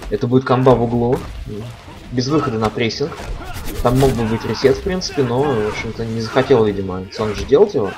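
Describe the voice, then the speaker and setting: A man's voice: medium pitch, fairly quick. A man giving live commentary on a fighting game stream, as a stream commentator. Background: game music and sound.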